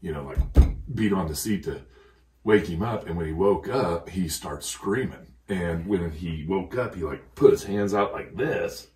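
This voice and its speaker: A man's voice: deep voice, unhurried, darkish tone. A middle-aged man as a podcast guest, chatting casually and rambling through stories while laughing along. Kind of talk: casual chat, storytelling. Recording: echoey room, distant from mic.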